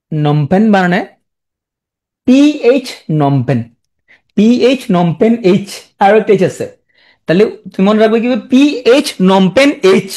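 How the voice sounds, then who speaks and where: A spelling teacher, leading a live class. The voice rises and falls a great deal, slowing right down to stretch out every syllable of a hard word. Short check-in questions to the students keep the lesson moving. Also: medium pitch, darkish tone. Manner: spells words out slowly, stretching each syllable; coaching, asks quick check-in questions.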